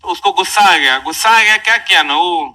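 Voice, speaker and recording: A man's voice: high-pitched, a little fast, pushed and bright, recorded from a distance, poor audio. A male teacher with a Bihari Hindi accent, giving a chatty classroom lecture and quizzing the students. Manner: chatty, asks the class questions.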